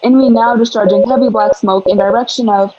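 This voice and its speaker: A woman's voice: a little high, fairly even intonation, fast talker, mellow, muffled recording, a little hiss or hum, close to an everyday voice. A woman playing a military radio operator in a radio play, giving clipped, urgent call-outs and reports. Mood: urgent, official.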